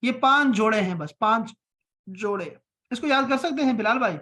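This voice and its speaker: A man's voice: very high-pitched, expressive, normal speed, bright, forceful tone. Man, patient teacher, encouraging, repeats points, online class. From Pakistan. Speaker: Arabic teacher.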